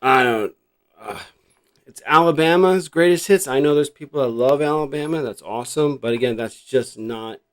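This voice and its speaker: Here a mid-pitched, middle-aged vlog host from New Jersey talks through his cassette collection at a moderate pace. The chat is casual and unscripted, and he rambles reflectively as his thoughts come.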